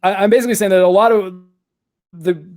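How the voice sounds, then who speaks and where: A man's voice: sits high, steady tone, fast talker. A man chatting casually on a video call while his connection breaks up and turns glitchy and robotic. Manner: conversational, thinking out loud. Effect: glitchy, robotic-sounding call connection. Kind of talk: casual chat. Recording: breaking-up internet call audio.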